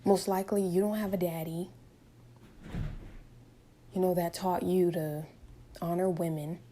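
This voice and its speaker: A woman's voice: on the low side, fairly even intonation, a little slow, background noise. A woman in her twenties vlogging from home in an impassioned, emphatic monologue full of rhetorical questions. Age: 20s. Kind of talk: opinionated direct-to-camera monologue.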